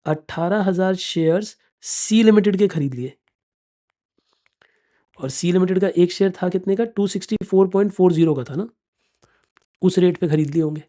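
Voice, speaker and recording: This finance exam teacher, a man in his thirties, has a high-pitched, dark-toned voice, speaks at normal speed and pauses often. His classroom lecture moves step by step, with frequent checks that students are following and affectionate calls of "beta" and "bachchon."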